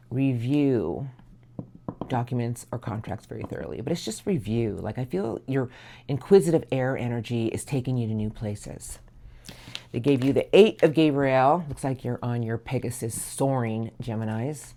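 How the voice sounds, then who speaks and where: Very low-voiced woman reading tarot. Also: warm tone. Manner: soothing, affirming, drawn-out emphasis. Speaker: tarot reader.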